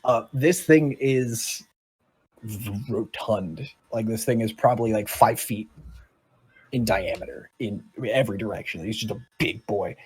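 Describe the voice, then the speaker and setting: Brief: man with a husky voice narrating a game loosely and casually. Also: on the low side, unhurried, darkish tone. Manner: casual and rambling, with many restarts. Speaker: dungeon master.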